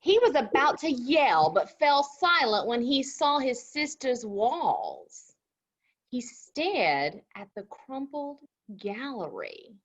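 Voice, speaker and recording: A woman's voice: sits high, sing-song, slow. A woman co-hosting a children's story show, reading aloud and chatting between passages. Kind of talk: children's read-aloud with chat. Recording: muffled lo-fi audio.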